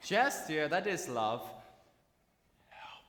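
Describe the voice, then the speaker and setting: A man's voice: on the high side, big pitch swings, takes it slowly, a bit bright, exaggerated voice. An actor playing a nervy, fussy best man who frets about his weak heart. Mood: anxious. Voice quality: nervy, exasperated. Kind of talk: stage musical acting. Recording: echoey theatre hall.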